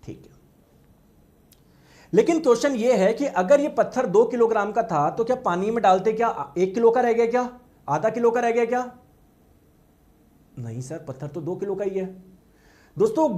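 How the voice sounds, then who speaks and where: A man's voice: sits high, a little mellow. A male teacher giving a classroom lecture, often asking the class questions and acting out the students' replies.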